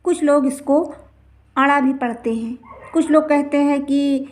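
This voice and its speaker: High voiced lady teacher going slow, repeats example words and stretches them out. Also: fairly even intonation, darkish tone, slight background noise. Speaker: Sanskrit teacher. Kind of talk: classroom-style explanation.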